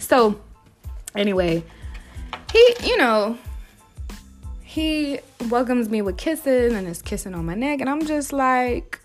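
Animated young woman telling a storytime. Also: fairly high pitch. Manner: animated, swearing, addresses listeners as y'all. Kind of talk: casual storytime monologue.

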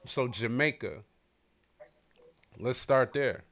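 A man's voice: medium pitch, animated, slow, a bit bright, a little hiss or hum. A man hosting a casual hip-hop podcast, talking loosely and hyped with lots of slang. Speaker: podcast host. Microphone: livestream podcast setup.

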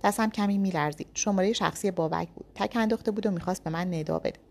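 A woman's voice: medium pitch, creaky, darkish tone. A woman reading a first-person thriller story aloud with tense, dramatic storytelling. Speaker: narrator.

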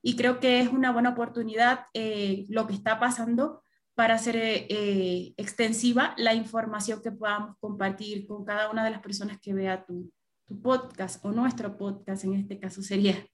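A woman's voice: mid-range voice, steady tone, normal speed. A middle-aged woman from Venezuela with a Caribbean Spanish accent, speaking courteously as an expert guest in an interview and explaining things. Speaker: podcast guest, travel assistance expert. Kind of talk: interview talk.

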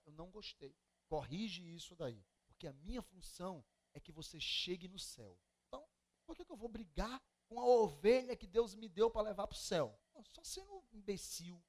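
Brazilian male pastor, very high-pitched, lively preaching delivery with bursts of volume. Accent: Brazilian Portuguese. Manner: animated preaching with sudden loud outbursts. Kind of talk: sermon. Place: church.

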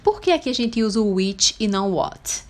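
A woman with a Brazilian Portuguese accent teaching English phrases, repeating each model sentence slowly and clearly. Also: medium pitch, animated.

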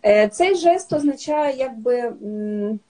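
A high-pitched Ukrainian woman with a soft, breathy voice. She teaches signs patiently in a casual chat, pausing often with fillers and restarts. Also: lively intonation. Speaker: sign language teacher, guest.

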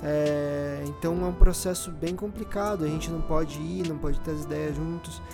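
A man's voice: a little high, fairly even intonation, normal speed, creaky. Brazilian man thinking aloud over music. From Rio Grande do Sul, Brazil. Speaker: podcast guest, drummer in an independent band. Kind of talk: casual chat, slangy.

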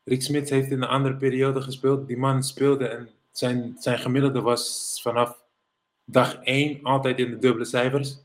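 A middle-aged man from the Netherlands, a former professional basketball player, telling animated anecdotes as an interview guest. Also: mid-range voice, moderate pace. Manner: animated anecdotes, mimics others in English quotes. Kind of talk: casual storytelling interview.

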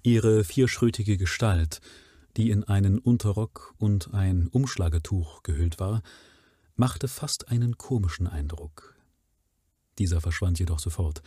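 A man reading a classic novel aloud at first sight, narrating calmly and in a measured way. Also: deep voice, husky, no room sound, studio quality. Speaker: audiobook reader.

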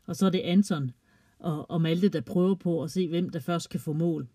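A storyteller reading a children's story aloud in a plain, even way. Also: mid-range voice, husky, no room sound.

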